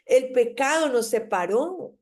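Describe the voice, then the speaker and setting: A woman's voice: fairly high pitch, lively intonation, slow pace, darkish tone. Woman preacher, emphatic and repetitive, reads scripture then urges you on. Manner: emphatic, repetitive, exhorting the listener. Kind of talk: devotional sermon with Bible reading.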